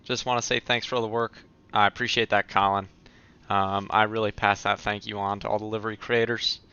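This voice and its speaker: Gravelly low-voiced male streamer. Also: a little fast, highs cut off. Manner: relaxed, chatty, answers viewer comments. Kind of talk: casual live-stream chat.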